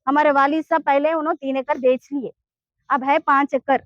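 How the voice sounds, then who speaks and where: A woman's voice: high voice, steady tone, fairly quick, a bit bright, dry recording, lo-fi sound. A woman with a Hyderabadi Urdu accent, giving an urgent, pleading complaint in a street interview. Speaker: interviewee in a land dispute.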